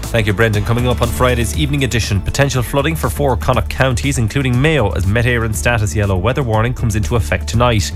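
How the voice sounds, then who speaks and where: An Irish man reading scripted news headlines for local radio as a studio reporter. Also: mid-range voice.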